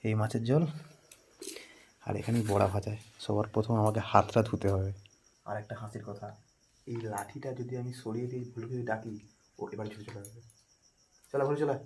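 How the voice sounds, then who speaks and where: Low-voiced Bengali man vlogging at home. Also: fairly even intonation, normal speed, gravelly, pauses often, a little hiss or hum. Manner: chatty, often drops to a hushed murmur, calls out loudly to his dog. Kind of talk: casual home vlog narration. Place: home, indoors.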